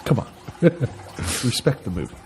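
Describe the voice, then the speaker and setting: A man's voice: medium pitch, moderate pace, slight background noise. A man co-hosting a casual podcast, telling stories with swearing and acting out quoted lines. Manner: animated storyteller, acts out quotes, swears casually. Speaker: podcast co-host. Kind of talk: casual chat.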